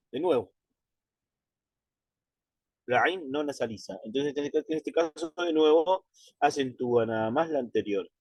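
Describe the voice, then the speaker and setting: A man teaching Quran recitation in an online lesson, patient and methodical, checking in with his students and slowing right down to model drawn-out pronunciations. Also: medium pitch, no room sound.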